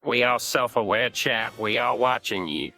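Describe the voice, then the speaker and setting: A man putting on a disguised, pitched-down deep voice for an eerie self-aware cartoon figure, chanting slowly and ominously. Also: music in the background, low-quality recording.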